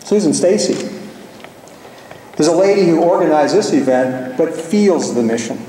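A male physician giving a formal memorial lecture, telling stories in a measured, deliberate way. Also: fairly high pitch, mellow, a little hiss or hum. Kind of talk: formal ceremonial speech with anecdotes. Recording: echoey hall, far from mic.

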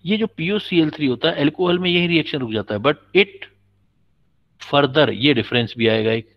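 A man's voice: fairly high pitch, normal speed. A man teaching a chemistry class, patiently explaining and quizzing his students. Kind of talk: classroom lecture. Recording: dull lo-fi recording.

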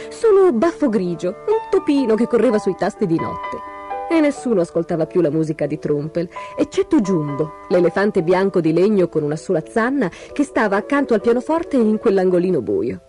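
A woman reading a children's storybook aloud, expressive and animated. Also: fairly low pitch.

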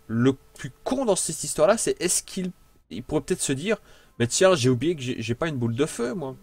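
French male gamer commentator, chatty and playful, animated pitch, faint background music. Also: no echo. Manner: chatty, playful, thinks aloud. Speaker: gameplay commentator. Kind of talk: casual game commentary.

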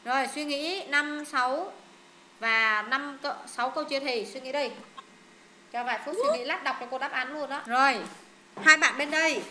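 A woman tutoring students in English, drilling them through exam answers in a brisk, directive way and correcting their mistakes firmly. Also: high-pitched, pushed and bright, a little hiss or hum.

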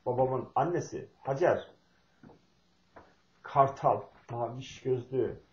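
A middle-aged man from Turkey telling a folksy, meandering family story with pauses and fillers. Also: medium pitch, a little mellow, reverberant, muffled recording. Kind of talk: spoken talk with personal storytelling.

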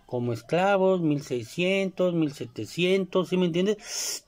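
A man's voice: high-pitched, expressive, unhurried, a little mellow. A man with a Mexican Spanish accent, talking casually in a rambling monologue full of fillers and asides. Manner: rambling, filler-heavy, keeps asking "you know?". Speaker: commentator.

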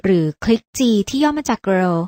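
A woman's voice: mid-range voice, expressive, moderate pace, warm tone, no room sound. A woman English teacher narrating a lesson, polite and encouraging, addressing her viewers as friends.

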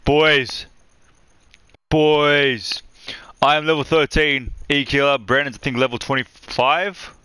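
A young man streaming live from his room on a headset mic, chatting excitedly as he opens game loot. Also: fairly high pitch, slow, clear, resonant tone, no room sound. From Australia.

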